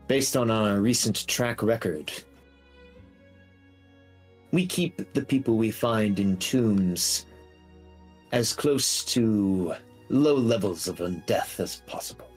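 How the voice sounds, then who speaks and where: An imperious mummy woman from a fantasy tabletop game, played by a male game master. The voice is low, grave and stiffly formal, with music playing underneath. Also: takes it slowly, long pauses, darkish tone, breathy edge. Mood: grave, measured.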